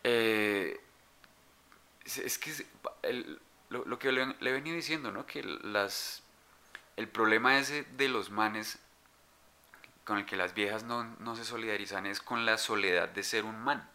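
A man's voice: on the low side, measured pace, bright, forceful tone. A man co-hosting a podcast, talking bluntly in casual chat. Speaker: podcast co-host.

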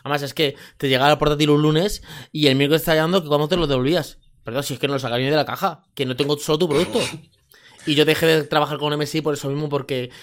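A man's voice: fairly high pitch, fairly even intonation, rapid-fire. A man co-hosting a casual tech podcast chat, running words together, stumbling and swearing casually. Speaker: podcast host, tech reviewer.

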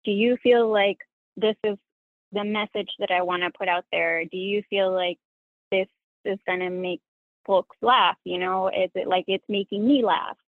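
A medium-pitched woman speaks with a steady tone and moderate pace, the recording dry over a tinny phone line. Earnest and reflective, and critical of herself, she's a sewing content creator and native Spanish speaker taking part in an interview as a guest.

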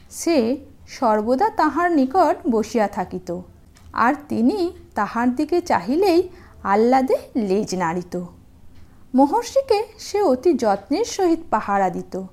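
A woman with a high voice tells stories to small children. Her delivery is slow and very animated in pitch. She sounds sweet and sing-song, like an expressive storybook reader. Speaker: storyteller hosting a children's channel.

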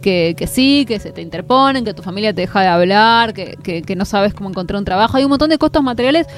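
A woman's voice: medium pitch, fast talker, faint music behind. A woman from Buenos Aires with a Rioplatense accent, chatting expressively as co-host. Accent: Rioplatense Spanish. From Buenos Aires, Argentina. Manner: lively, expressive, laughs easily. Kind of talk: casual conversation.

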